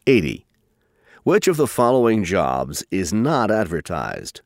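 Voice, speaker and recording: A man reading scripted listening test instructions and questions in a formal, deliberate way. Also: on the low side, sing-song, vocal fry, darkish tone, no room sound, clean studio sound.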